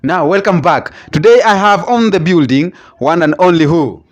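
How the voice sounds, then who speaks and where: A man's voice: fairly high pitch, moderate pace, dry recording, highs cut off. A man hosting a casual reaction talk, asking questions and repeating himself. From Africa. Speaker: host.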